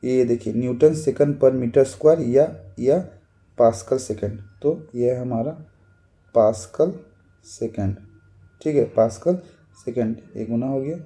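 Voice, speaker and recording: Dark-voiced man teaching. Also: medium pitch, takes it slowly. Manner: repetitive, says "thik hai" constantly, repeats terms. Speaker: technical instructor. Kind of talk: casual whiteboard lesson.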